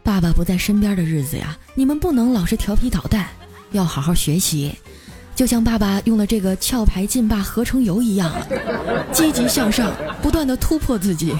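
A woman doing a gruff dad. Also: medium pitch, lively intonation, moderate pace, music in the background, crowd noise, close to an everyday voice. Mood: earnest. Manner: gruff, scolding, blunt. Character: short-tempered Northeastern man nearly forty.

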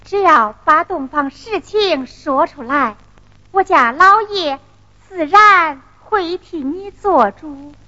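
Henan opera, gentle noble lady, soothing, slow, dull recording with hall reverb. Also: very high-pitched, animated, heavily acted. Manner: soothing, coaxing. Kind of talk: Henan opera stage performance.

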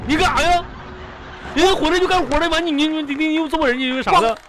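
A man's voice: sits high, very animated, fast talker. A man playing a whiny, stammering, put-upon husband in a live radio comedy sketch. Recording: radio studio with music bed.

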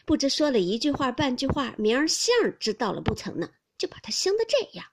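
女声演绎的尖刻冷笑的年轻丫鬟. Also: female voice, big pitch swings, fast, noisy background. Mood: sneering. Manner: high, mocking, sneering. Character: sharp-tongued young maid, scornful and jealous.

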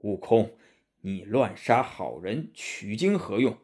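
A man voicing a stern, gentle monk master who speaks slowly and solemnly. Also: animated. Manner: slow and solemn, low and soft.

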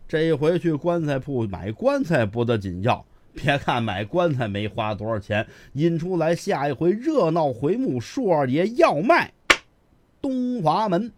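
A male storyteller telling a comic story in a chatty, lively way. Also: on the high side, moderate pace, few pauses, slight background noise. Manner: lively, chatty, acts out voices.

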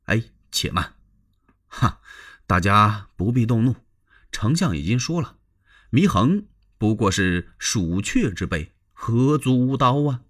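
A man telling a traditional story, voicing a composed, stern male court advisor who speaks in a commanding, measured way. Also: lowish voice, big pitch swings, full character voice. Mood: calm.

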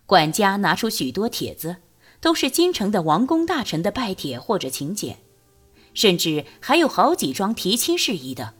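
A woman narrating a novel as an audiobook, reading in a lively, expressive storytelling way. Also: mid-range voice, normal speed, slightly rough, soft background music.

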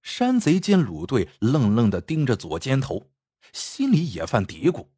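Husky, lively male storyteller. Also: medium pitch, measured pace, no echo, clean studio sound. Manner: expressive, acts out the scenes. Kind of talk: dramatic story narration.

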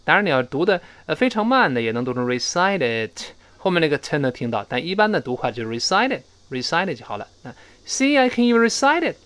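A middle-aged man teaching spoken English in Mandarin, explaining phrases and slowly modeling pronunciation. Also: on the high side, sing-song, a bit bright, no echo.

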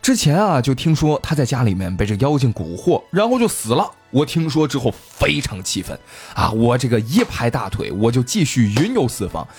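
A man's voice: mid-range voice, moderate pace, hardly any pauses, breathy edge, soft background music. A man hosting a podcast, telling a ghost story in a casual, joking way with his co-hosts. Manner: lively, playful, joking with co-hosts.

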